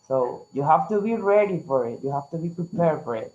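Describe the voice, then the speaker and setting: Online English teacher, Latin American Spanish accent, native Spanish speaker, mid pitch, encouraging and instructive, slightly dull class audio. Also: expressive, a little fast, a little mellow. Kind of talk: interactive online language lesson.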